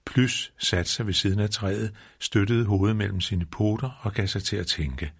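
Guy reading a kids' storybook, low husky voice, steady storytelling rhythm. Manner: measured, repetitive storytelling rhythm. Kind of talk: scripted narration of a children's storybook.

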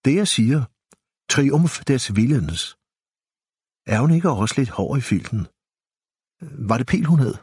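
A man reading an audiobook, voicing an aloof middle-aged man who answers curtly and deadpan. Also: mid-range voice, pauses often, slightly rough, no echo, clean studio sound, voice pushed up. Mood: arch. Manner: curt, deadpan. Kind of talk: audiobook character voice.

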